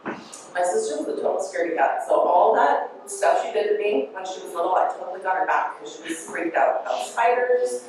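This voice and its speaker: A woman gives a eulogy in a church, laughing through tears and slipping into playful impressions of her family. She is picked up from far off, so her voice rings through a very echoey hall over steady background noise. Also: mid-range voice, brisk. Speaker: family member giving a eulogy. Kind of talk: memorial speech.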